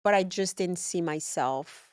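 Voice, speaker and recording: A woman from Rwanda and Congo, a midwife, telling her story in a relaxed, casual way with fillers as a podcast guest. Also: lowish voice, a little slow, clean tone, no room sound, clean studio sound.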